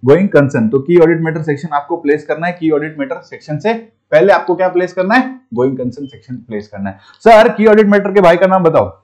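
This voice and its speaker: A man with an Indian English accent lecturing a class on auditing in a casual mix of languages, teasing students by name and slowing down to repeat key phrases. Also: a little high, animated, darkish tone, highs cut off. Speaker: CA audit teacher.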